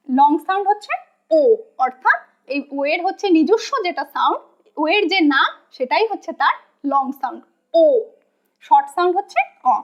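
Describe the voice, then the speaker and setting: A woman teaching English phonics, spelling out words letter by letter at a slow, patient pace and asking questions she then answers herself. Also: very high voice, fairly bright tone. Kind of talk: phonics lesson. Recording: dull lo-fi sound.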